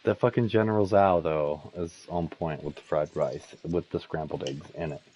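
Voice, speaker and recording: A young man in casual chat, telling rambling stories full of swearing and "like", jumping higher and louder when he quotes friends. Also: fairly even intonation, moderate pace, lo-fi sound. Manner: rambling storyteller, heavy swearing, lots of "like". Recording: faint background noise.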